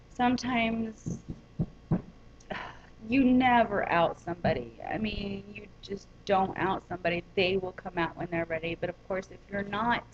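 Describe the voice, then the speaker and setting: A woman's voice: mid-range voice, lo-fi sound, slight background noise. A woman vlogger telling a personal story in a casual, rambling way, with many ums and restarts.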